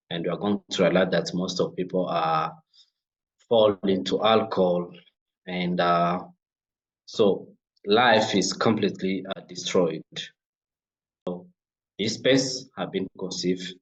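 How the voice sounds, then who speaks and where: Deep-voiced young Congolese man, halting. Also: muffled recording. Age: young adult. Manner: halting, many fillers and restarts. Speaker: guest, refugee-led organization founder. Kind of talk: interview conversation.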